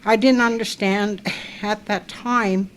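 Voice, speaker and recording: An older woman with a stuffed-up voice speaking softly at a panel, halting with fillers as she tells her own story. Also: medium pitch, steady tone. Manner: soft-spoken, halting with fillers. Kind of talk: personal talk at a public event.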